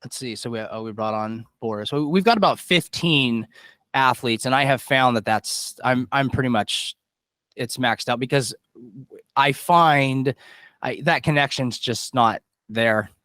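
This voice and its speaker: A man's voice: mid-range voice, measured pace, fairly bright tone, dry recording. A male coach with an ordinary mid-range voice, speaking frankly and conversationally, with a light joking edge. The sound is dry and close. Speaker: coach, co-guest. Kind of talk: casual interview chat.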